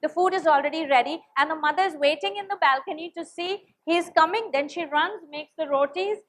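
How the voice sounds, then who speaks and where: A woman's voice: very high-pitched, fairly quick, a little hiss or hum, rough recording. A woman giving a motivational talk, telling stories and checking often that the audience follows. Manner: animated storyteller, asks the audience for agreement. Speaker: motivational speaker.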